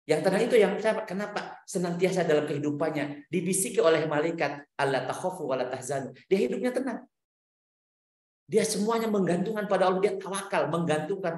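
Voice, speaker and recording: A man preaching an Islamic lecture, reciting Arabic verses and telling stories with sweeping swings in pitch. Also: expressive, brisk, darkish tone, roomy sound. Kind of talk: religious lecture answering questions.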